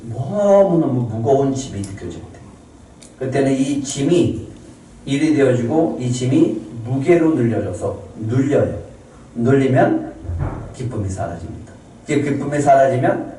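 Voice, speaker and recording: A man's voice: mid-range voice, warm tone. A man preaching a sermon as pastor, putting questions to the congregation and waiting for their answers. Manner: asks the congregation questions and waits for replies. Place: church sanctuary. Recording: very echoey room, distant mic, faint noise.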